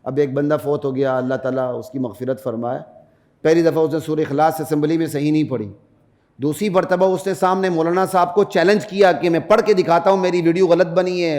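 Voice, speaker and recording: A middle-aged man giving a Friday sermon as a mufti. He preaches emphatically, rising to loud peaks, drops to low asides to the congregation, and chants Arabic verses melodically.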